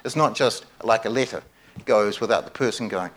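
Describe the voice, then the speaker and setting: A man's voice: fairly low pitch, moderate pace. A man preaching a sermon at a microphone, earnest, repeating key phrases for emphasis and often restarting his sentences. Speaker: pastor.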